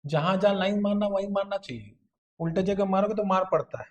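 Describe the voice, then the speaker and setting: Fairly quick and sitting high, this man's voice comes from an accounts classroom, where he, an Indian lecturer, keeps coaxing students with questions and drops terms throughout his explanation.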